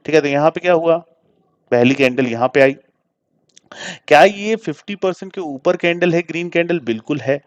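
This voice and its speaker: A man's voice: on the high side, normal speed. A man giving a screen-share trading lesson, explaining step by step, often asking and answering his own questions and slipping English words into his talk. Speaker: trading teacher. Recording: dull lo-fi sound.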